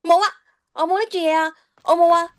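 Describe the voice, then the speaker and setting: Here a woman voices a defiant, cheeky schoolgirl for a Cantonese audio drama, speaking quickly in a very high, steady voice over a faint hiss or hum. The performance is whiny, dramatic and evasive.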